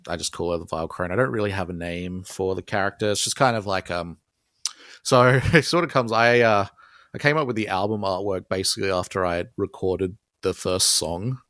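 A man's voice: deep voice, fairly quick, a bit bright, no echo, studio quality. An Australian man being interviewed on a podcast about his music, talking in a rambling, self-deprecating way and laughing often. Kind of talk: casual interview chat.

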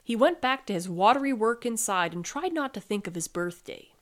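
A woman reading a children's storybook aloud, gentle and playful with the sound words. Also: a little high, expressive, brisk. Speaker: podcast reader.

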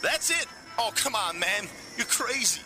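A frantic, foul-mouthed trooper with a very high, slangy voice, as a man puts him on for a comedy radio sketch. Loud music plays behind him. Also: animated, a little slow.

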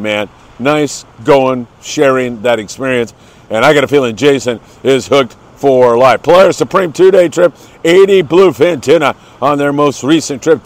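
A man with a lingering cold hosting an upbeat morning fishing briefing, talking to viewers in an effusive, folksy way. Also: mid-range voice. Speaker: host of a fishing report show. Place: outdoors by the coast in the morning.

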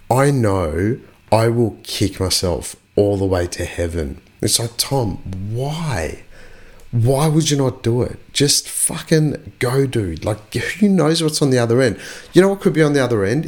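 Man, podcast host, low voice, casual motivational talk, swears a lot, repeats himself for emphasis. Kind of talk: motivational monologue.

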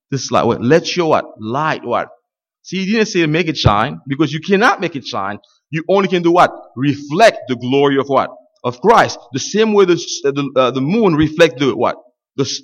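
The preacher's intonation is lively and his speed normal as he leads a call-and-response sermon, a French native speaking English while the congregation supplies his words. Loud high exclamations alternate with quiet low asides, and the sound quality is dull and lo-fi.

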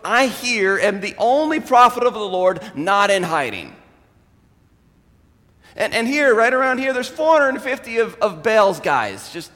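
A pastor gives a sermon in a very high voice, swinging his pitch around as he tells the story. He acts out the characters' lines as he goes. His voice rings with a long reverb, like a large hall. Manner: animated retelling with voiced quotes.

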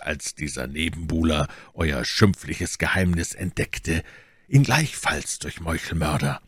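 A man voicing a stern nobleman in an audiobook, speaking slowly, coldly and with measured menace. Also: deep voice, no room sound, clean studio sound. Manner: slow, measured, threatening. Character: stern cold nobleman, adult, menacing calm. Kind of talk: audiobook character voice.

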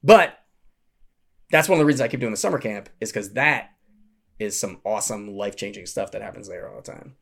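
A man guest on a podcast telling rambling, animated stories from his work as a summer camp counselor. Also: fairly low pitch, brisk, gravelly. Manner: rambling, animated storyteller with restarts. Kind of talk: casual anecdotal storytelling.

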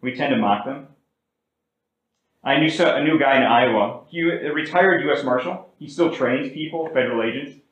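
A man preaching a sermon as pastor, with big swings in pitch and volume and slow, drawn-out words for emphasis. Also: fairly bright tone, very echoey, muffled recording. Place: church sanctuary.

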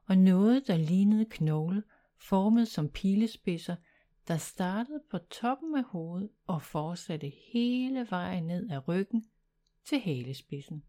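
A woman reading a children's bedtime story aloud in a calm, even storytelling manner. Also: medium pitch.

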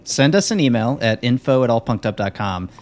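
A man co-hosting a music podcast in easygoing casual chat. His voice sits at an ordinary middle pitch, and he rambles, circling back with fillers and restarts as he thinks out loud. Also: very animated, brisk. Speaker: podcast co-host.

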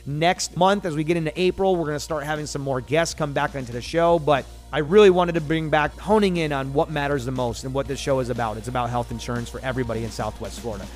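A man's voice: fairly high pitch, quick pace, hardly any pauses, soft background music. An American man hosting a radio show, giving an emphatic sales talk and repeating key phrases.

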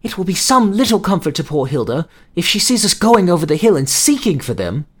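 Kind young heroine, voiced by a man, high, earnest and eager. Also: sing-song, fairly quick, husky, full character voice. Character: kind brave young girl, caring friend.

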